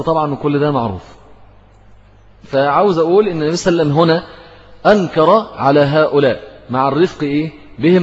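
A man's voice: fairly high pitch, breathy edge. Egyptian male religious teacher, lesson delivery, muffled recording with long hall reverb. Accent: Egyptian Arabic. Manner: asks and answers his own questions. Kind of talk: religious lesson explaining hadith.

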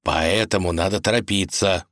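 A man's voice: low voice, fairly even intonation, moderate pace, fairly bright tone, no room sound, clean studio sound. A man voicing a cunning, self-important male wolf who speaks slyly and commandingly in a fairy tale. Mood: scheming. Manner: sly, commanding, self-assured.

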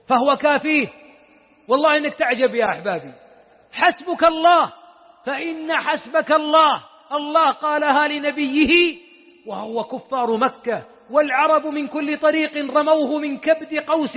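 A man preaching a sermon with emotion, moving from hushed lines to loud exclamations. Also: very high-pitched. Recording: echoey hall over a tinny lo-fi recording.

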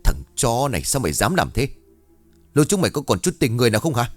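A man's voice: lowish voice, fast talker, no room sound, soft background music, lightly acted. A man voicing a hot-tempered middle-aged village father who curses at his son. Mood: furious. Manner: angry, cursing.

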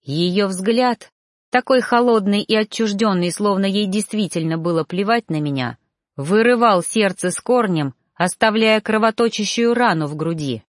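A woman narrating a romance novel in a steady, measured reading. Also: mid-range voice, dry recording, studio quality. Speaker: audiobook narrator. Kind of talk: scripted narration.

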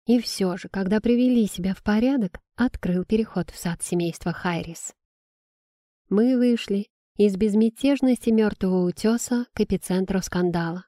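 A woman narrating a first-person fantasy audiobook in an even storytelling manner. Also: mid-range voice, normal speed, no room sound, clean studio sound.

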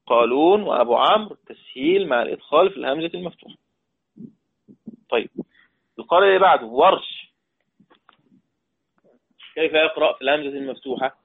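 Egyptian male Quran teacher, higher voice, thin phone-like audio, repeats and quizzes the class. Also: lively intonation, brisk, gravelly, long pauses, husky. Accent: Egyptian Arabic. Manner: repeats points, quizzes listeners, draws out recited words. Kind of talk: classroom lesson. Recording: tinny phone-like sound.

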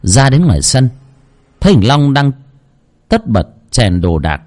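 A man's voice: medium pitch, sing-song, a little slow, darkish tone. A man narrating a ghost story with a dramatic, tense delivery.

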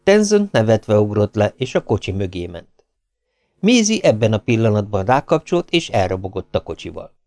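A man reading a novel aloud as an audiobook narrator, with an expressive delivery. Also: on the low side, no echo. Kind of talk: scripted narration.

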